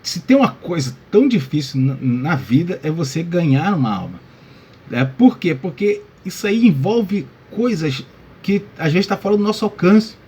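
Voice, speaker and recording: A male pastor teaches a Bible lesson casually, calling listeners brother and dropping constant check-ins like "tá?" and "né?". His husky, dark voice is fairly high with big pitch swings, at a moderate pace.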